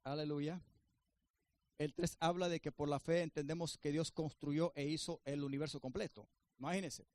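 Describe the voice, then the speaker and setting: A man preaching a sermon as pastor, swinging between emphatic raised lines and quieter asides to the congregation. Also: on the high side, fairly even intonation, moderate pace, no echo.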